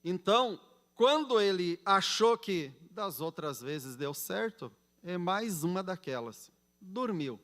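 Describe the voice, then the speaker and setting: Man preaching, slow deliberate delivery, slightly high voice, soft asides and loud peaks. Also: sing-song. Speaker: pastor. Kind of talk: sermon.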